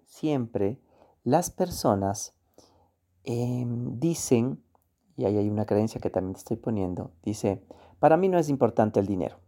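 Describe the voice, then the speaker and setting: A man's voice: medium pitch, warm tone. A man teaching a course module on beliefs, speaking emphatically and repeating key words. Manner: emphatic, repeats words, acts out quoted voices. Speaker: course instructor. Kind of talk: motivational teaching on money beliefs.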